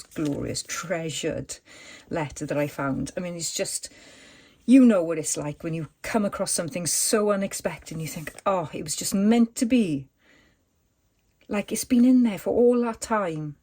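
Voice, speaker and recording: A woman's voice: sits low, darkish tone. A woman chatting casually at her home craft desk, rambling and thinking aloud with lots of fillers as she works on a journal page.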